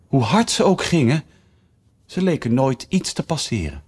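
A man reading a children's storybook aloud, narrating in an expressive way. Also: medium pitch, moderate pace, slightly rough.

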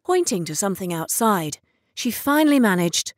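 A middle-aged woman tells a personal story from her work as a music therapist, earnest and reflective. Her voice sits at an ordinary middle pitch and sounds close and dry, with no room around it. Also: very animated, normal speed, no room sound. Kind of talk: storytelling narration.

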